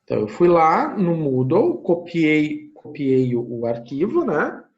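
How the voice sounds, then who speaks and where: A university lecturer with a Brazilian Portuguese accent teaches an online class over screen share, working through each step, thinking aloud and checking in often with his listeners. His voice sits on the high side and is very animated, with a measured pace and a darkish tone. The recording sounds muffled.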